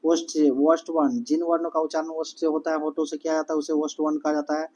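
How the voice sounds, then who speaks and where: A man teaching an exam-prep Hindi grammar lesson, repeating letters and answers slowly for students. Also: on the high side, level tone, mellow. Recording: dull lo-fi audio.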